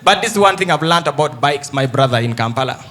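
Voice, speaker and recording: A man's voice: medium pitch, lively intonation, quick pace, a bit bright. A Ugandan man doing live stand-up comedy, telling stories and acting out the characters in dialogue. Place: live comedy stage before an audience. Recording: live show with faint crowd noise.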